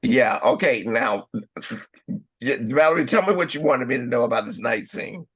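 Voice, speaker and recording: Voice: medium pitch, lively intonation, moderate pace, husky. A photo judge who is losing their voice, casually questioning entrants in an easygoing way.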